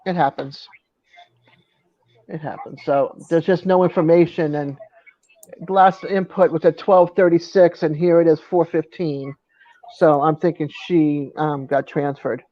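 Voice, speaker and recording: A man telling a story on a casual live chat, animated and laughing often. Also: a little high, unhurried, no room sound. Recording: dry, dull lo-fi sound.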